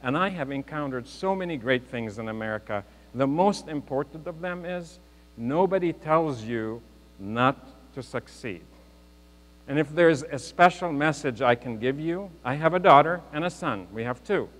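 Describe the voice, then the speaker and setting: A Lebanese man in his fifties, appearing as a guest speaker, addresses a live audience in a large hall with a motivational speech that is earnest yet joking. His voice sits on the high side, expressive, at a moderate pace, and the recording carries hall reverb and mains hum.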